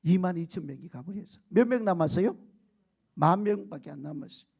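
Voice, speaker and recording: A male pastor preaching a lively sermon, often asking the congregation questions and acting out the quotes he tells. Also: high-pitched, fairly quick, gravelly, slightly rough. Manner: animated storytelling with shouted quotes and laughter; keeps prompting the congregation for answers.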